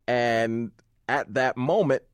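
A man hosting an interview, asking the guest questions in a relaxed, joking way. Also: medium pitch, slow, clear, resonant tone, no room sound.

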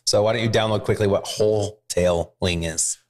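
A man with a somewhat low voice hosts a business interview. He steers the talk with questions and quick prompts. He adds short explanations of his own. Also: fairly even intonation. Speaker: host. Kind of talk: podcast interview.

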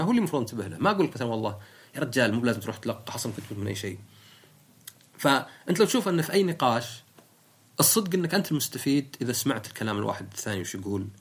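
Fast, lively husky Saudi man. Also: medium pitch. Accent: Saudi Arabic. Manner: animated, explaining with everyday examples. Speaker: podcast host. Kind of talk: casual podcast talk.

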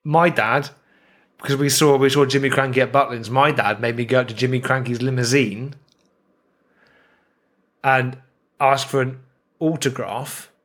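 A man co-hosting a podcast in casual chat, telling jokey stories with animated asides. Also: mid-range voice, moderate pace, long pauses. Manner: jokey storytelling, animated impressions. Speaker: podcast co-host.

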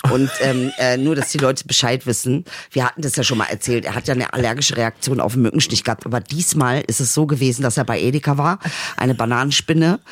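A man co-hosting a casual podcast, talking loudly and teasing his co-host playfully. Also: medium pitch, quick pace, no echo. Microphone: studio microphone.

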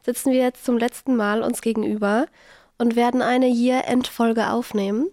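Nasal, higher-pitched Austrian woman hosting. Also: steady tone, moderate pace, dark tone, dry recording, studio quality. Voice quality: nasal, congested. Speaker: podcast host. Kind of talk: casual podcast hosting.

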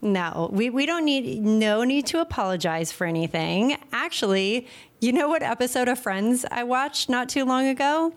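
A woman's voice: fairly high pitch, animated, normal speed. A young woman co-hosting a casual podcast, chatty and rambling, laughing often. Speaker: podcast co-host. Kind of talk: casual chat.

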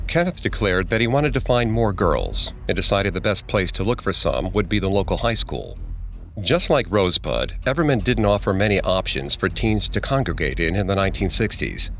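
A man narrating a scripted true-crime story in a steady, grave manner. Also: low-pitched, moderate pace, soft background music. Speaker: podcast narrator.

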